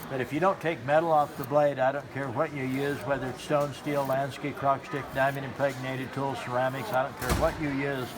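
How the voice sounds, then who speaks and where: A man's voice: medium pitch, little pitch movement, brisk, few pauses, a crowd in the background. A middle-aged man giving a casual, folksy live hands-on demonstration, explaining plainly and repeating himself for emphasis. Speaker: knife sharpening demonstrator. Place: large expo hall with concrete floor. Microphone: handheld camera a step or two away. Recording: noisy hall, handheld camera mic. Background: clear background noise of an expo hall.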